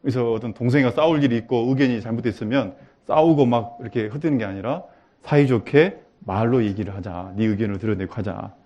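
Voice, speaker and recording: A male preacher gives a church teaching talk. His voice sits at an ordinary middle pitch. He drops low and soft to explain, then acts out short quotes with sudden loud, lively bursts. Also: fast, lo-fi sound, a little hiss or hum.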